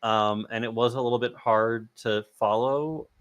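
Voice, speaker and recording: A man's voice: mid-range voice, fairly even intonation, measured pace, fairly bright tone, smooth, no room sound. A man judging a voice acting contest, fair-minded and hesitant, often restarting his sentences. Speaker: judge. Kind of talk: casual livestream chat.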